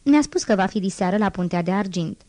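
A poor young mother, a seamstress, proud and growing desperate, her words bitter and agitated, as a woman reader gives her voice. The tone is warm and mellow, recorded close and dry. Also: medium pitch, lively intonation, dry recording, natural voice. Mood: indignant. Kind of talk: audiobook character reading.

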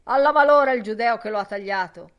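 A woman reading voicing Ben Dollard, a burly, blustering older man with a booming, gruff manner, in an audiobook. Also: fast talker, dull audio, natural voice. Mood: furious.

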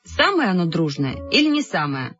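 A serious schoolboy who keeps order with stern, measured words, as a woman puts him on. The audiobook sounds dull, with faint music behind. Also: on the low side, very animated, fairly bright tone. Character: earnest stern boy leading the meeting.

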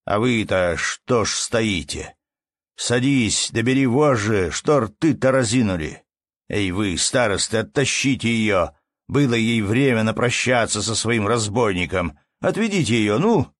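A man's voice: on the low side, lively intonation, unhurried, no echo, clean studio sound. A man voicing a smug, harsh estate steward who barks bossy orders and grumbles, reading a storybook.

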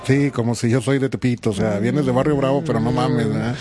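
A man's voice: mid-range voice, fairly even intonation, a little fast, music in the background. Joking Mexican man, podcast banter. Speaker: podcast co-host. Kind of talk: casual chat.

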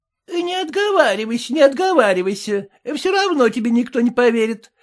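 A man's voice: very high-pitched, big pitch swings, measured pace, voice pushed up, heavily acted. A man voicing an older mother-in-law who takes offense and argues with indignation. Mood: indignant. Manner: indignant, huffy.

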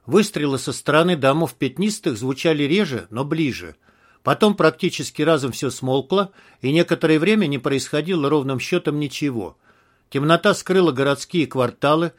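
Man narrating an audiobook, higher-pitched.

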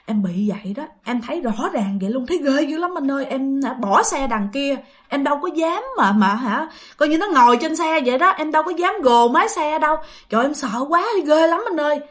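A frightened young man begs for shelter in a trembling, pleading voice, as a woman storyteller puts him on. The voice stays soft and low, bright in tone, like a spooky storybook told aloud. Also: lively intonation, fairly quick, hardly any pauses. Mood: scared, hushed.

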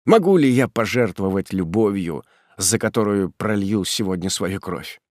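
A man's voice: lowish voice, animated, normal speed, a little mellow, dry recording, lightly acted. Audiobook: male reader as a bitter condemned young man, cold and restrained, dry close sound. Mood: reproachful. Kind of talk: audiobook reading.

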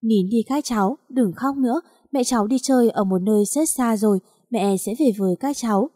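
A woman voicing a gentle old grandmother softly comforting her grandchildren in an audio story. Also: on the high side, a little fast, no room sound, clean studio sound, lightly acted. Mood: soothing. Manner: soft, soothing.

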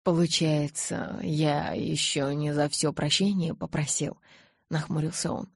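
A woman's voice: little pitch movement, unhurried, creaky, a little mellow, slightly rough, no room sound, heavily acted. A woman reading an audiobook, voicing a brooding young male vampire who speaks in a cold, clipped way. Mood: strained. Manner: icy, clipped, low-spoken.

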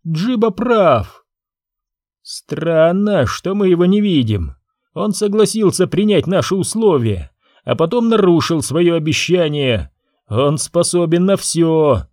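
Male reader as a hot-headed young prince, high and lively, dark dry tone, storybook reading. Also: slow, dry recording. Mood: accusing. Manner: heated, accusing, shouting. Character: proud angry young prince, quick to accuse.

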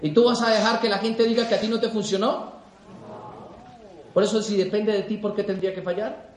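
In an echoey hall, a young man from Colombia delivers an emphatic motivational talk to a live audience, repeating rhetorical questions again and again. His high voice is a little fast, with fairly even intonation.

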